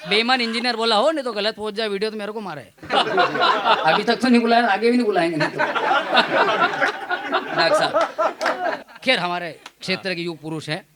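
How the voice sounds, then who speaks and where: A man's voice: high-pitched, a little fast, pauses often, a loud crowd, heavy background noise. A young man, a comic poet, telling self-mocking stories and teasing a live audience from the stage. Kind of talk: stage comedy storytelling.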